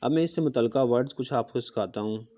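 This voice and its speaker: Male calligraphy teacher, soft dark voice, walks students through each stroke patiently. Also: mid-range voice, fast. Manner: patient step-by-step explaining, often checking in with "okay"; talks while demonstrating strokes with a marker. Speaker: handwriting teacher. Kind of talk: recorded calligraphy lesson.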